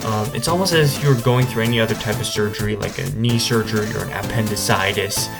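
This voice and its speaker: A man's voice: fairly low pitch, fast talker, gravelly. Male vlogger telling his story over music. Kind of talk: casual retrospective storytelling to camera. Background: instrumental music.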